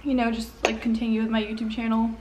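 A young woman YouTuber films a casual eating vlog indoors at home, chatting candidly between bites with plenty of fillers. Her voice is a little high and her delivery flat and quick, with background noise audible.

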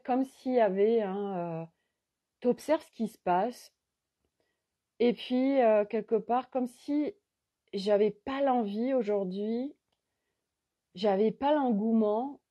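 A middle-aged woman, a holistic coach, telling a rambling, animated story in a casual live stream. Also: mid-range voice. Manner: rambling, chatty, animated retelling. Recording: dull lo-fi sound.

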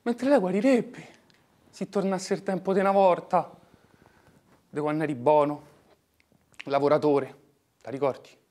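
A man acting an anguished working-class son in a dramatic monologue, with a Roman dialect accent, moving between hushed murmurs and impassioned outbursts. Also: fairly high pitch, unhurried, long pauses, close to an everyday voice. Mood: pleading, pained. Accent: Roman (old Romanesco dialect). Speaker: actor.

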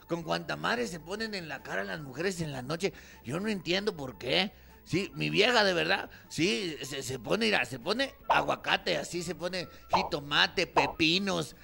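Gravelly high-voiced Mexican comedian. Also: male voice, bright, forceful tone. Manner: acts out both sides of a couple's quarrel. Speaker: stand-up comedian. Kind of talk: stand-up comedy routine.

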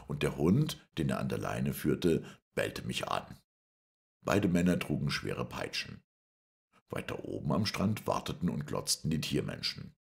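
Male audiobook narrator, extremely deep voice, lively dramatic reading. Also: vocal fry. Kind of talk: scripted first-person narration.

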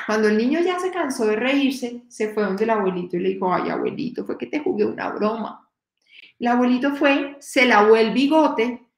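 A woman giving a live-streamed motivational talk, animated and addressing her audience directly, with stories. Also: on the high side, echoey room. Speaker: motivational speaker.

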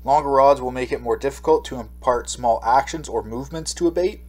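In this voice-over, a fishing instructor with a mellow, mid-range voice talks a bit fast while narrating slides for a lesson. His reading is steady and explanatory, dotted with occasional ums and uhs.

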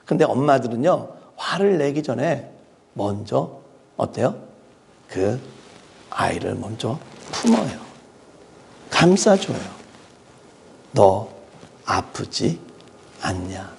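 A man preaching a sermon as pastor, telling stories in a conversational way with rhetorical questions and sudden hushed drops. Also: medium pitch, very animated, slow, creaky, pauses often, a little hiss or hum.

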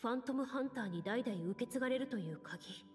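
A woman's voice: on the high side, soft background music, natural voice. A woman playing a composed, commanding female duelist who narrates as game master in a game. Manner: composed, measured. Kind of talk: Japanese game voice acting.

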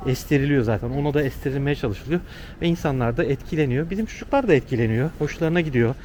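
With a medium-pitched, darkish voice, he speaks expressively and at a quick pace. He's a travel vlogger in an easy on-location conversation, explaining things to a companion. The clip was captured on a noisy city street with traffic passing.

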